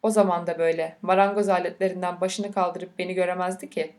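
A woman's voice: lowish voice, little pitch movement, quick pace, darkish tone, lightly acted. A woman voicing a bitter, vain old grandmother in an audiobook reading, with a scolding, scornful delivery. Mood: boastful.

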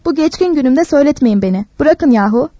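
A woman's voice: sits high, lively intonation, brisk, mellow, no echo, dull audio. A woman voicing a very old grandmother, proud and confused, muttering and snapping in a storybook reading. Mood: irritated.

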